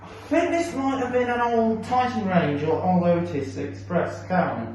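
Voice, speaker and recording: A man's voice: high voice, unhurried, a little mellow, slight background noise. A man giving casual on-location commentary in short, observational remarks as a video host. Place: inside lifts and shops. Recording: echoey, distant camera mic, music behind.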